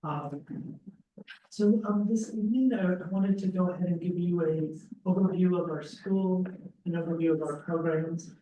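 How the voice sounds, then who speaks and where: Heard through a distant laptop webcam on a video call, a dean speaks at normal speed in a high voice, hosting a casual info session for prospective students in a classroom with an audience. He restarts often and says um a lot. The sound is roomy and far off, with a little hiss or hum.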